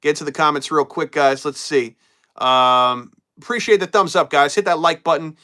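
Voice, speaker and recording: His voice sits a little high with a sharp tone, and he speaks at a normal speed. The wrestling host is shaking off a cold as he casually chats and reads viewer comments on a live stream, loose and repetitive, often trailing off.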